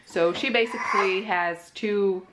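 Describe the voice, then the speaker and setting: An Israeli woman whose first language is Hebrew chats casually to a handheld compact camera at home with her baby. Her medium-pitched voice is slow and hesitant, with many pauses and fillers, and there's heavy background noise.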